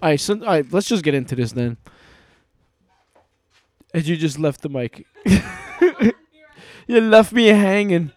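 Man, podcast host, casual rambling chat, somewhat high voice, dry sound. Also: animated, darkish tone, no room sound. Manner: rambling, halting, with fillers and profanity.

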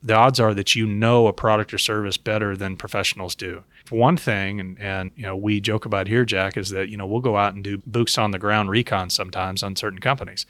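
A man with a fairly low voice hosts a podcast in an explanatory style. He addresses his listeners directly, and the sound is dry and close. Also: steady tone, brisk, few pauses, fairly bright tone, no room sound. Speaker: podcast host and investment professional. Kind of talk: podcast talk giving investment advice.

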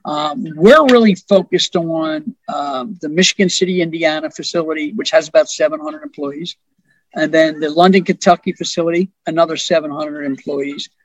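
A man's voice: fairly high pitch, no room sound, rough recording. A man, a union organizing director, talking plainly in a podcast conversation and telling stories with asides.

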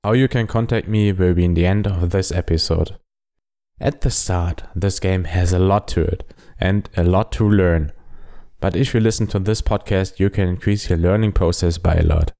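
German-accented man, young adult, low mellow voice, earnest podcast host. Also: fairly even intonation, moderate pace, gravelly. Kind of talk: solo podcast tutorial.

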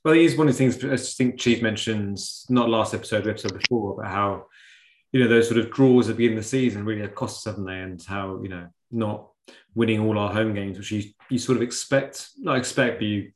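A man with a fairly low voice talks sport casually as a co-host, circling back to rework his phrases. The recording is noticeably roomy and echoing. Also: fast talker. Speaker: podcast co-host.

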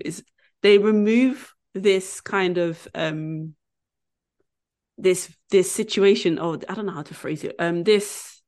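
A woman hosting a podcast, talking casually with a friend and often searching for her words. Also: lowish voice. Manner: chatty, searches for words with fillers and quick apologies. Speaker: podcast host.

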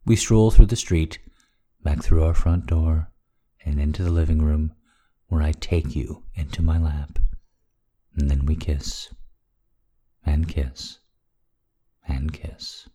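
A man with a very low voice and an intimate delivery. He speaks slowly and unhurriedly, with a soft, dark tone suited to audio performance for listeners. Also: fairly even intonation, breathy edge. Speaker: audio erotica performer and live streamer. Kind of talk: slow, intimate first-person narration of erotic fiction, then casual chat to listeners.

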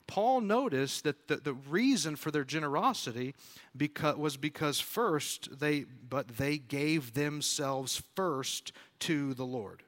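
Conversational preaching man, slightly high voice. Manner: conversational preaching with many fillers and restarts; animated when acting out quotes. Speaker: pastor. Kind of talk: sermon.

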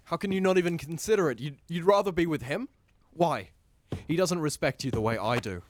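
An actor playing a soft-spoken young man whose hesitant affection turns obsessive and frantic. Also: a little high, lively intonation, brisk, a little hiss or hum, natural voice. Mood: pleading. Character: lovesick young man turning obsessive and violent. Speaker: actor in an audio drama.

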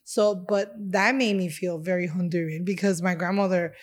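A Chicago woman who owns a restaurant is a guest on a casual interview, speaking about her heritage. Her voice is lowish and fairly even, at a moderate pace, and she rambles heartfelt with lots of fillers.

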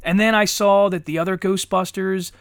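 A man in his thirties, a father and podcast co-host, telling stories in lively casual chat, swearing often and acting out quotes. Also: high-pitched, normal speed, clear, resonant tone, no echo, clean studio sound. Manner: animated storyteller, swears often, acts out quotes.

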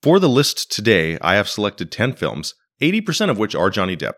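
A man's voice: fairly low pitch, wildly swooping pitch, brisk, fairly bright tone. A man hosting a podcast in casual, wry conversational commentary, recorded in a living room. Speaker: podcast host. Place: living room used as a home studio.

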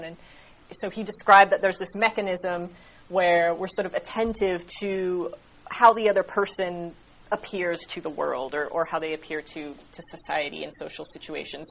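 Female guest expert, fluent explainer with an easy laugh, voice on the low side. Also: rough recording. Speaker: guest expert on interaction and politeness. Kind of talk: explanatory interview answers.

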